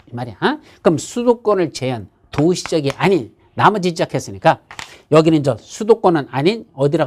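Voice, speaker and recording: A male lecturer from South Korea teaches exam prep in a pitch that rises and falls freely. He asks the class a question and answers it himself. He hammers key terms through repetition. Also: darkish tone. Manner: repeats key terms with emphatic insistence. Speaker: real estate law lecturer.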